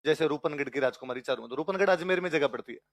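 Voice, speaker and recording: A man teaching history to exam students, repeating key lines in Hindi and then English for them to write down, and telling the story in a lively way while quizzing them. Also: fairly high pitch, very fast, no room sound. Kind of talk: exam-prep lecture with storytelling.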